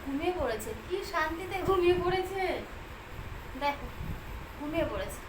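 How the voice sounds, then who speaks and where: A woman's voice: very high voice, animated, normal speed. A woman vlogging as she talks to her pet dog in doting, cooing baby talk. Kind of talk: casual baby-talk vlog. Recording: echoey room, far from mic, noisy.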